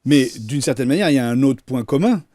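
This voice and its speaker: A man's voice: mid-range voice, animated, fairly quick, warm tone, no echo, studio quality. A man hosting a business interview, asking probing questions in a conversational way. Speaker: interview host. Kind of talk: casual interview talk.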